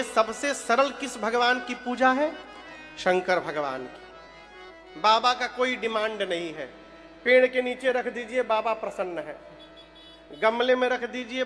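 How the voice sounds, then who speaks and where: A man's voice: very high voice, measured pace, bright, forceful tone, faint music behind. A man preaching a devotional story sermon, telling stories, quizzing his listeners and singing short verse lines. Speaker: katha preacher.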